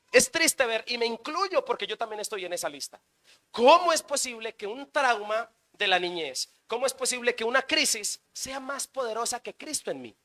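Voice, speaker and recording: Pastor guy preaching in church, high bright voice, keeps asking the crowd questions, goes loud then soft. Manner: rhetorical questions, swings between loud and quiet. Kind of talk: sermon.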